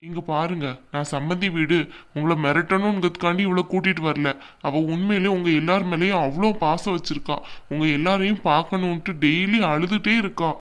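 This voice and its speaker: A woman's voice: on the low side, a little fast, close to an everyday voice. A woman voicing an older male father-in-law in a cartoon, firm and fatherly. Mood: stern. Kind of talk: cartoon voice acting.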